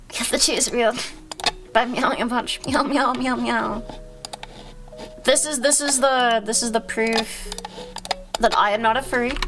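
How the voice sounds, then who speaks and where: A woman hosting a casual livestream, chatting with viewers in a rambling, halting, slangy way with frequent self-interruptions and swearing. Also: fairly high pitch, noisy background. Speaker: livestream host.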